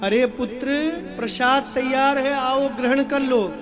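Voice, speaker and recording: Brief: raised, shrill voice of a poor, starving mother, as a male preacher plays her, scolding at full force over a music bed. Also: steady tone, unhurried, crowd noise. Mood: calling. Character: poor hungry mother, desperate then furious. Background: instrumental music.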